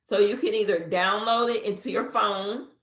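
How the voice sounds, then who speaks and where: A woman's voice: mid-range voice, steady tone, normal speed, fairly bright tone, roomy sound, highs cut off. A woman in her fifties casually walking a beginner through an app step by step, chatty with fillers. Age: 50s. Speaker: business coach teaching social media. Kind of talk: casual how-to walkthrough.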